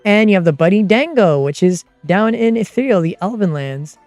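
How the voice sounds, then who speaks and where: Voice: medium pitch, expressive, normal speed, a little mellow, no echo, soft background music. A streamer and game master of unclear sex chatting casually and explaining tabletop game rules in a rambling way.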